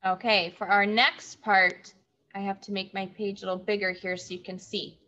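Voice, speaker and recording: A woman teaching third graders in an online lesson, speaking slowly and clearly and repeating key words for the children. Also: medium pitch, little pitch movement, pushed and bright. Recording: dull lo-fi audio.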